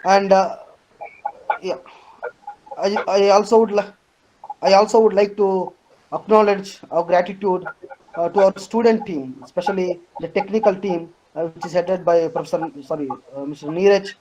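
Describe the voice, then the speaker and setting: A man, a professor giving a formal, halting vote of thanks over a video call. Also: high voice, steady tone, noisy background. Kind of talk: formal webinar speech.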